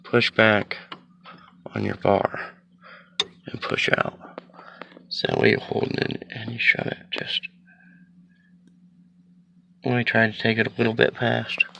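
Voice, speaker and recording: A home mechanic whispers through a casual car repair demonstration outdoors in a sloping yard, stuffy and sniffly from a cold, chatty and rambling with plenty of self-deprecation. His fairly low voice is flat, creaky, pushed and bright. He takes it slowly, leaving long pauses.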